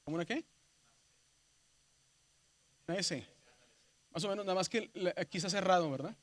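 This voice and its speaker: A man's voice: high-pitched, normal speed. A man, teaching a seminary class on the Greek alphabet, patient and repetitive, calling his students brothers. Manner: patient, repeats "¿verdad?" and spells letters aloud. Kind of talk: classroom lesson.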